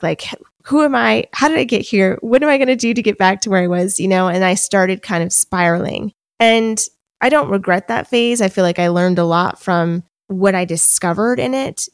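A woman's voice: lowish voice, clean tone, no echo, studio quality. A young woman, a new mother, talking earnestly in a casual podcast conversation.

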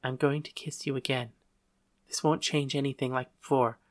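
A man reading a storybook, voicing a gentle, reassuring teenage girl in a soft, patient way. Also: mid-range voice, level tone, moderate pace, natural voice. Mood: soothing. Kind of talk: audiobook reading.

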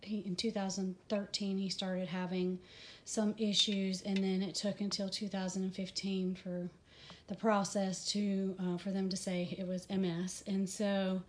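A woman hosting a ministry video, slightly out of breath, giving a personal devotional talk in a conversational, halting way with many fillers. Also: medium pitch, level tone. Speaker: ministry host.

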